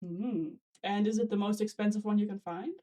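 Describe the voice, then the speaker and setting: Mellow-voiced woman, wry let's-play commentary, mic a bit far off. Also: medium pitch, steady tone, fairly quick. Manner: chatty, wry asides with restarts. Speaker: co-host streamer. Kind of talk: let's-play commentary, reading game text aloud. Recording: slightly distant mic with faint game music.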